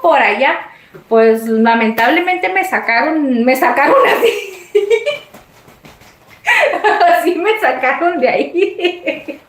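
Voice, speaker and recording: Mexican woman host, chatty live-stream storyteller, lively high voice, roomy echo. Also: takes it slowly. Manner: animated, swoops high when retelling scenes. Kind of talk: casual storytelling to viewers.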